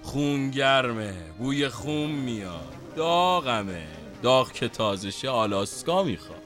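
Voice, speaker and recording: Actor as brooding taxi driver with swooping delivery. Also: male voice, medium pitch, expressive, fairly bright tone, faint music behind, lightly acted. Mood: feverish craving. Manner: cryptic, repetitive, fragmented musing. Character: brooding, feverish male taxi driver craving ice lollies. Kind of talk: surreal, poetic audio drama acting.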